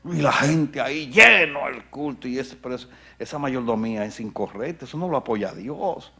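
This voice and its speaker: A male pastor preaching a sermon to his congregation, swinging from shouts to near whispers and asking the crowd questions along the way. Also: mid-range voice, expressive, normal speed, vocal fry. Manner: conversational asides to the congregation. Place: church.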